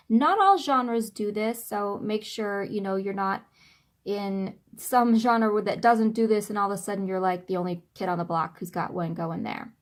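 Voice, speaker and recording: Woman, thirties, medium pitch, informal tutorial delivery, chatty, home recording on built-in camera microphone. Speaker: self-publishing author and video host. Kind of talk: casual how-to tutorial. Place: small furnished room at home. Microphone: camera's built-in microphone, no external mic.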